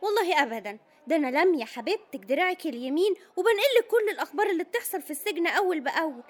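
Brief: woman as panicky fawning Egyptian inmate sidekick, very high, fast and jumpy. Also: animated. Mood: jittery. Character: jittery fawning young female inmate sidekick.

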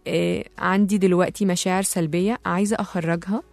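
A woman's voice: lowish voice, steady tone, fast, gravelly, a little mellow, dry recording, faint music behind. A woman with an Egyptian Arabic accent hosting a talk show monologue and acting out the voices of people who comfort others. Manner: acts out comforting voices in quotes. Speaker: host.

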